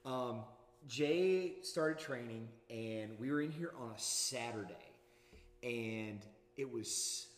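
A man hosting a podcast, telling a story in a lively, laughing way and acting out the dialogue. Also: medium pitch, unhurried. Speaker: podcast host. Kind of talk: casual storytelling chat. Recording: echoey room with long reverb, faint hum.

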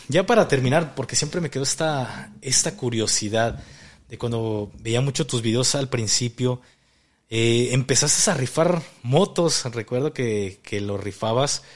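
Relaxed host, slangy. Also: male voice, mid-range voice. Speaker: podcast host. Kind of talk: casual interview chat.

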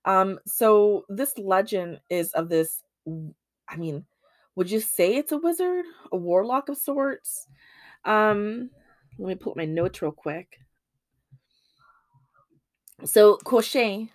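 A woman's voice: medium pitch, animated, slow, dry recording, clean studio sound. A woman hosting a solo podcast in casual chat, rambling with many ums and restarts. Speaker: podcast host.

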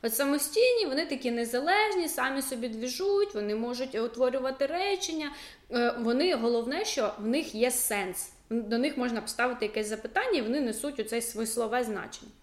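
A woman's voice: on the high side, expressive, fairly quick, roomy sound. A young adult woman teacher, explaining a school subject in a casual, chatty way with many fillers and asides.

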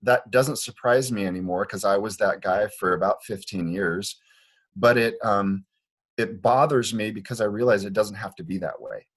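Guy from liberia talking feet in an interview, low-ish husky voice, keeps restarting sentences. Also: expressive, moderate pace. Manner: earnest, explanatory, with frequent restarts. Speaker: foot doctor guest. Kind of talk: conversational interview. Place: Portland, Oregon clinic.

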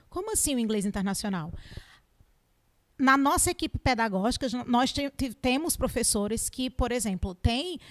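A woman with a Northeastern Brazilian accent and a slightly high voice, explaining things like a teacher. She talks animatedly, leans on rhetorical questions and everyday examples. Her tone stays conversational and plain. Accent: Northeastern Brazilian Portuguese. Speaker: English school teacher. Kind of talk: explanatory interview answers.

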